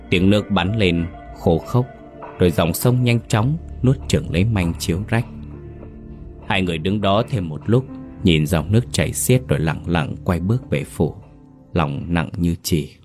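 Horror narrator, male, deep, slow and grave delivery. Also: a little mellow. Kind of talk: scripted horror story narration.

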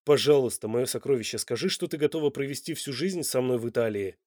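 A man's voice: mid-range voice, fast, a little mellow, no echo, studio quality, natural voice. A man playing a blunt, passionate, demanding Italian lover in an audiobook. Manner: blunt and insistent.

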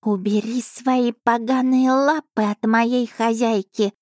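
A woman doing a fierce high-voiced cat familiar. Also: lively intonation, takes it slowly, mellow, no room sound, clean studio sound.

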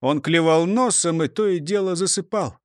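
A man's voice: sits high, normal speed, dry recording, clean studio sound. A man narrating a children's storybook, speaking directly to the listener. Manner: lively, talks to the listener.

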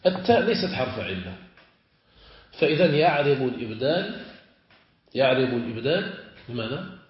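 A man, a sheikh, teaching a classical Arabic grammar lesson. He stretches example words slowly and keeps asking his students whether they follow. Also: medium pitch, very animated. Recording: echoey, dull lo-fi room recording.

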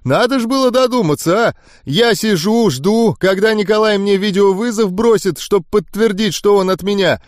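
Man voicing a contemptuous gruff crime boss. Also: high-pitched, normal speed, dry recording, clean studio sound, voice pushed up, natural voice. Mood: scornful anger. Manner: scornful, barking insults. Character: gruff irritable male crime boss, secret demon. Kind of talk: audiobook character reading.

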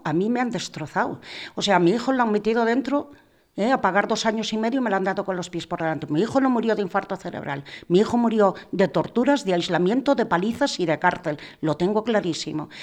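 A woman's voice: mid-range voice, darkish tone. Indignant middle-aged woman giving testimony. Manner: indignant, rising to anguished outbursts, acts out dialogue. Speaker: mother of a prisoner who died, guest speaker. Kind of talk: emotional personal testimony in a talk show.

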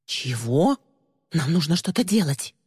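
An audiobook reader voicing an emotional, impulsive teenage girl who speaks up excitedly. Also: medium pitch, unhurried, husky, big-room sound, full character voice. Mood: excitable.

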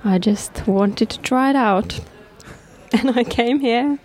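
A woman from Finland, a filmmaker guest in a casual interview, answering with dry, deadpan humor. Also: fairly high pitch, takes it slowly.

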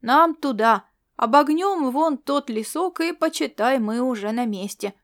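A woman's voice: high voice, expressive, measured pace. A woman voicing a flustered, anxious old male servant in an audiobook story. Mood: eager. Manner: flustered, pleading.

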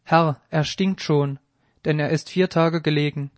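A man voicing Martha, a grieving woman of faith, in a spoken Bible reading, with a solemn, measured delivery. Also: on the high side, steady tone, dry recording, lightly acted.

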